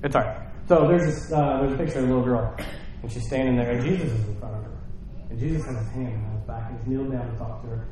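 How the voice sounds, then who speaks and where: A man gives a sermon in a loose, conversational way. He keeps turning to his congregation with quick check-ins. His voice rings through a very echoey church hall over faint background noise. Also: mid-range voice, fairly even intonation. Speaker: pastor. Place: church sanctuary.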